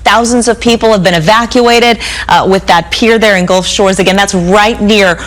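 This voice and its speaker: Female weather anchor, medium pitch, live news presentation. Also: fairly even intonation, moderate pace.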